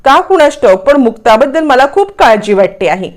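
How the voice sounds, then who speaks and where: A woman's voice: sits high, sing-song, brisk. Stern father, read by a woman. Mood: worried. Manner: firm, reproachful. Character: stern father, proud and protective of daughter.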